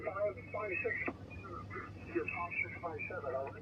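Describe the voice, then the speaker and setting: A man's voice: sits high, moderate pace. A man making a polite amateur radio contact over a crackly two-way link. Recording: muffled distant radio, loud static.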